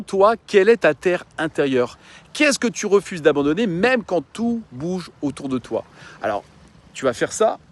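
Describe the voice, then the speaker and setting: A man, a coach and mountain guide, talking earnestly and informally to his followers, with frequent fillers and restarts. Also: fairly high pitch. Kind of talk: casual informal talk to followers.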